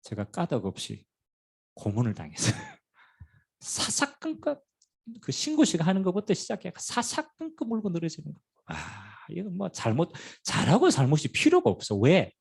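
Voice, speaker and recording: A middle-aged pastor preaches in a church with a gravelly, husky voice. His pitch jumps all over the place, and he swings between loud bursts and hushed asides. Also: moderate pace. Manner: animated preaching with sudden loud and quiet swings. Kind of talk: sermon. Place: church sanctuary.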